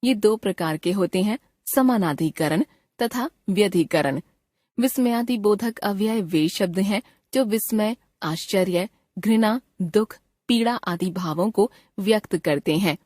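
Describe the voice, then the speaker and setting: A woman reading a scripted grammar lesson, giving definitions and example sentences in a measured, deliberate way. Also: medium pitch, darkish tone, dry recording, clean studio sound. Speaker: grammar teacher. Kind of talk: scripted textbook lesson narration.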